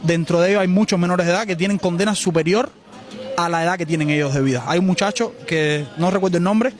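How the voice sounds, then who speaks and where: A man in his twenties with a Cuban Spanish accent, answering a street interview outdoors in a city in a forceful, outspoken way. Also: high voice, quick pace. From Cuba. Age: 20s.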